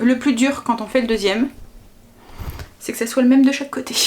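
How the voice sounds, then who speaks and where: In a slightly high, chatty voice, a family vlogger and mother narrates her makeup tutorial step by step, sprinkling in little interjections. Her sentences often trail off, get corrected, and start again.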